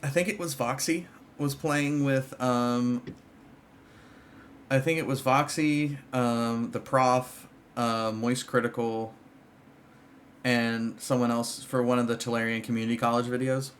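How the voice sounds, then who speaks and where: A man's voice: mid-range voice, steady tone, a little slow, slight background noise. A man hosting a podcast, chatting casually and rambling with lots of fillers and restarts. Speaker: podcast host. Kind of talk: casual chat about card games.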